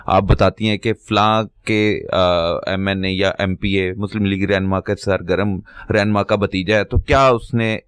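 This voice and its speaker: A man works as a news interviewer. His voice sits low. He sums up what his guest has said and then presses her with follow-up questions. The sound is dry and close. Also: flat delivery, hardly any pauses, clear, resonant tone, no echo. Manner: probing, recapping questions.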